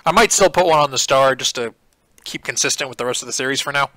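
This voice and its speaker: A man's voice: medium pitch, quick pace, bright, forceful tone, no room sound. A man giving casual, rambling let's play commentary as a gaming YouTuber, laughing at the game. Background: game music.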